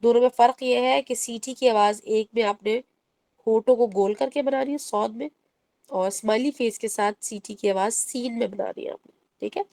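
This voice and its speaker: A woman's voice: a little high, warm tone, no echo. Woman teaching Quran recitation. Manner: explains in Urdu mixed with English, slow drawn-out Arabic recitation. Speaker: tajweed teacher. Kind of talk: online Quran recitation lesson.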